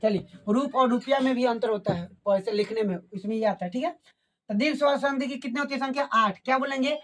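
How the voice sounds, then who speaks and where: Woman, high voice, teacher, classroom grammar lesson, repeats key terms slowly. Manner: asks the class questions, then answers them herself.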